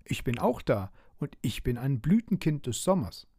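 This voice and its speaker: A man voicing an indignant, bossy nasturtium flower in a bedtime storybook, sounding sharp and sulky. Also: mid-range voice, big pitch swings, normal speed, no echo, studio quality, voice pushed up.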